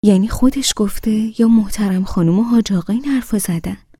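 Brief: startled young man, read by a woman; loud and blurting. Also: medium pitch, slightly rough, no echo, studio quality, pitched above the performer's own voice, close to an everyday voice.

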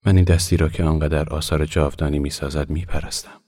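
A man doing a devoted young woman from a spoken storybook, earnest and pleading in a half-whisper. The voice stays very deep, husky and flat. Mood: adoring.

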